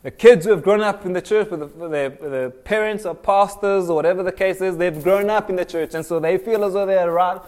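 A man's voice: high voice, brisk, hardly any pauses, darkish tone. A young man from Kenya preaching a sermon earnestly, often repeating phrases for emphasis. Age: young adult.

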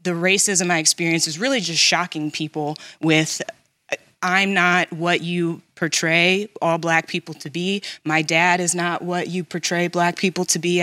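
Smooth, bright-voiced man from near Saint Louis. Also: sits high, dry recording, clean studio sound. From Illinois, near Saint Louis. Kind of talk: casual discussion.

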